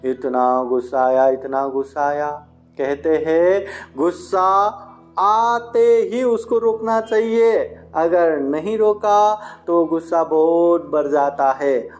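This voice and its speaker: A man, a Buddhist monk, tells a moral story in an unhurried way, repeating phrases and dropping in little "haan" interjections. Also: high-pitched. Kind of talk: storytelling dharma talk. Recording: faint instrumental music behind. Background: soft instrumental music.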